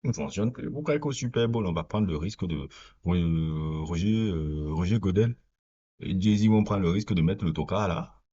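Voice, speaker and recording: A man's voice: low-pitched, moderate pace, dark tone, breathy edge. A man hosting a reaction video, giving rambling, opinionated commentary straight to his viewers. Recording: dull lo-fi recording.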